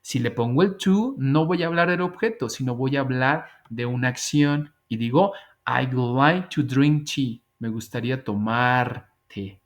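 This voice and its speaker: A male English teacher runs an online class over a video call. He speaks at an ordinary pitch and patiently repeats each example phrase, slowing down to spell things out.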